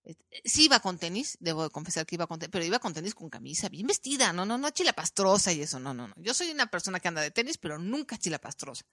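A woman's voice: on the low side, fast talker, hardly any pauses, no echo, studio quality. A woman with a Mexican accent hosting a podcast, chatting casually and acting out the people in her story. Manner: animated storytelling, acting out quoted voices. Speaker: podcast host. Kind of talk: casual chat.

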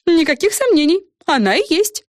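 A shrill, piercing little fairy who talks down to everyone. She swoops up and down in a lively high register. Pompous and bossy from start to finish. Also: moderate pace, no echo, clean studio sound. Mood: indignant. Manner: haughty and bossy, exclaiming. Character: pompous squealing tiny female fairy. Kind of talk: audiobook voice acting.

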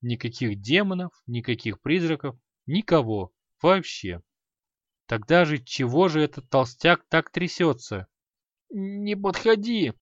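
A man reading a fantasy story aloud in a measured, expressive storytelling manner. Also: on the high side, no echo, lo-fi sound. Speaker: audiobook narrator. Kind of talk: scripted fantasy narration.

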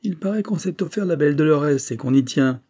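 A man reading an audiobook and voicing a brutal, mocking male bandit leader in a raised, louder voice. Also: fairly high pitch, lively intonation, a little fast, pitched above the performer's own voice. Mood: sneering. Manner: taunting, mocking.

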